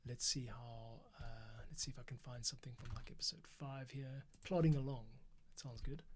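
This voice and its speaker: A man's voice: mid-range voice, fairly quick. A man composing for an audio drama, casually thinking aloud and explaining his steps during a livestream from a home studio. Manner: relaxed, thinking aloud, self-correcting.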